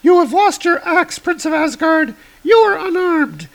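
A man voicing a stern young warrior woman from a comic, in a much higher voice with formal, measured speech. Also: expressive, a bit bright, exaggerated voice, low-quality recording. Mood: stern calm.

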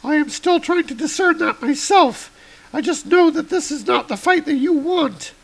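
A man voicing a stern young warrior woman from a comic, in a much higher voice with formal, measured speech. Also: lively intonation, creaky, a bit bright, full character voice. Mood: stern calm.

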